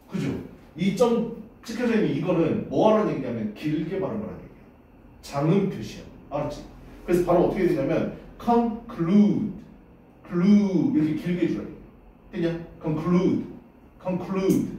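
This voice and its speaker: Male English teacher, casual drilling style, high animated pitch, echoey distant room recording. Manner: casual, drills words aloud, asks "됐냐?" often. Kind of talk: classroom pronunciation lesson. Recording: roomy echo, voice far from the mic.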